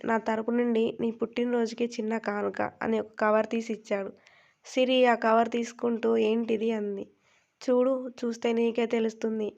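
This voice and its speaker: A woman's voice: a little high, gravelly, a little mellow, lo-fi sound. A woman narrating a story aloud and reading every character's lines in her own voice. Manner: reads all characters in her own voice with little change.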